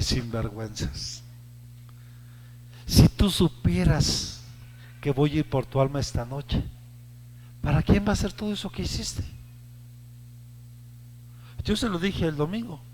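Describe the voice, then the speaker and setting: A man, a pastor with a Mexican Spanish accent, preaching a sermon to his congregation, rising to shouted peaks and acting out the voices he quotes. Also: high voice, normal speed, pauses often, long reverb tail. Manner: addresses the congregation directly with call-and-response prompts.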